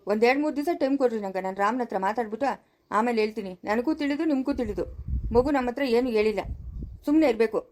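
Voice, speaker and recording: A woman's voice: fairly high pitch, quick pace, natural voice. A woman voicing a stern older village woman in a family skit, with a rural Chikkaballapura Kannada accent, scolding and pleading. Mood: firm, instructing. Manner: scolding, pleading, rising to sharp questions.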